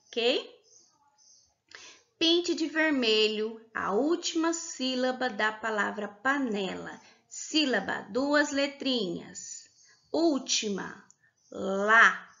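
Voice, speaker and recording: Brazilian preschool teacher, talks super slow, bright clear voice, kinda muffled lo-fi audio. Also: female voice, fairly high pitch. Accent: Brazilian Portuguese. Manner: slow, syllable-by-syllable, clapping out words; patient, encouraging, asks questions. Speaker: kindergarten teacher. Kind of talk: remote class for young children.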